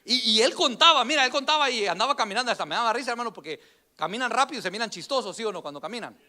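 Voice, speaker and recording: A man preaching a storytelling sermon in church, acting out quoted voices with shouts and laughs. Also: very high-pitched, lively intonation, very fast.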